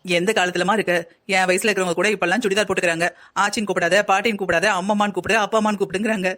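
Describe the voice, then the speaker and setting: A woman voicing a gentle, easygoing middle-aged mother-in-law in a cartoon family story. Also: medium pitch, fairly even intonation, racing, natural voice. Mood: reassuring. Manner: gentle, reassuring.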